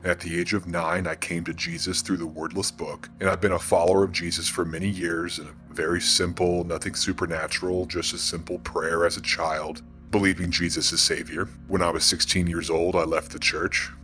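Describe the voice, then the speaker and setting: A man's voice: sits low, sharp tone. A pastor telling his story in an interview in plain, earnest words, his voice electronically altered to disguise who he is. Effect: voice electronically altered to disguise identity. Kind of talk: interview testimony.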